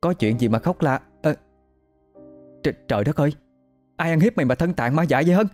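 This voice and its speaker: A man voicing a fiery, outspoken young woman, who scolds loudly and swears in outrage. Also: fairly high pitch, lively intonation, a little fast, soft background music, voice pushed up. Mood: alarmed.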